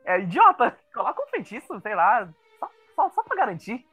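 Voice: medium pitch, very animated, moderate pace, a bit bright, husky, faint music behind. A co-host in casual chat, blunt and mocking, swearing freely.

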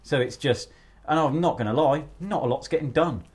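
A man's voice: on the high side, fairly quick, breathy edge. A young man hosting a casual podcast chat, rambling through stories and swearing freely. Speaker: podcast host.

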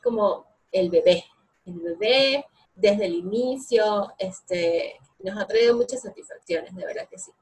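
A woman's voice: mid-range voice, measured pace, breathy edge. A young woman, chatting casually as an interview guest about learning English, with lots of fillers. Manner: chatty, animated, many fillers. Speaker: guest, English course co-founder.

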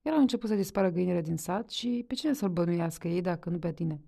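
A woman reading a story aloud voices a sharp-tongued peasant wife scolding her husband. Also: fairly low pitch, animated, vocal fry. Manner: scolding, urgent.

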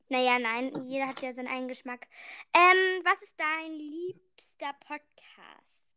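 A woman's voice: high voice, flat delivery, slow pace, sharp tone. A woman in casual, playful chat, asking questions as a partner in a challenge.

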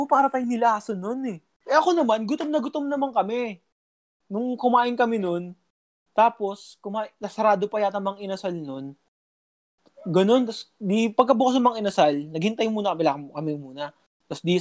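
A man's voice: high-pitched, a little fast, a little mellow. Rambling, easygoing young man. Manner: rambling storyteller with many fillers and mild swearing. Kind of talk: casual chat.

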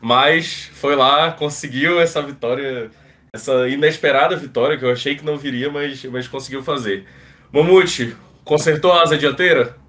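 A Brazilian man hosts a casual sports podcast. His voice sits at a middle pitch and sounds a little far from the microphone. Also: normal speed, a bit bright. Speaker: podcast host.

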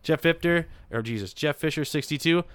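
A man's voice: a little high, a little fast, dry recording. A male podcast host in casual chat, joking and reading off a list with running asides. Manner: jokey, reading off a list with asides and loud laughs.

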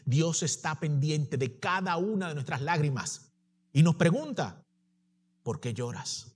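A man preaching a sermon to his congregation, swinging from impassioned declarations to soft, tender passages. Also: on the high side, expressive, unhurried, breathy edge.

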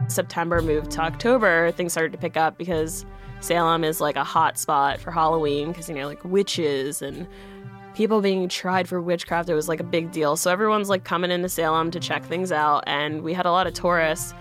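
Low-voiced chatty woman telling a story. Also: steady tone, moderate pace, fairly bright tone, faint music behind. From United States. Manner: chatty, fillers of "like" throughout. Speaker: guest storyteller. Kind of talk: personal storytelling.

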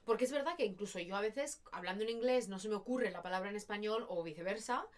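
A woman's voice: medium pitch, quick pace. A woman co-hosting a casual talk, engaged and asking follow-up questions. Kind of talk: casual chat.

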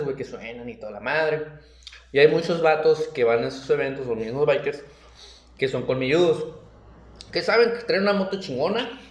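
Un hombre joven con acento mexicano cuenta una anécdota en plática informal, lleno de modismos y muletillas. Su voz es un poco aguda. La grabación suena en una sala con bastante eco. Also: male voice, fairly high pitch. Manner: slangy, lively storytelling full of "güey" fillers. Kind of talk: casual chat. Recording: roomy echo.

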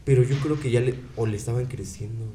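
A young man with a Mexican accent rambles through jokey anecdotes in a relaxed, casual chat. His voice sits at an ordinary pitch with a mellow, warm tone, and a faint low rumble hums underneath. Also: fast talker. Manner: joking, rambling storyteller. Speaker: co-host.

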